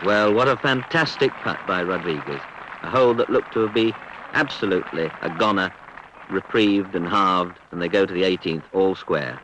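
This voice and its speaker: A man giving measured, understated golf commentary on a 1970s archive sports broadcast. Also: low voice, background noise. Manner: understated, measured descriptions with appreciative exclamations.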